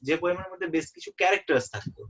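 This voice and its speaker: A young man tutoring a student for an exam in a relaxed way. He often checks that the student is following and repeats the key terms. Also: high voice, racing, noisy background. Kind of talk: informal exam-prep lesson. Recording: muffled lo-fi audio.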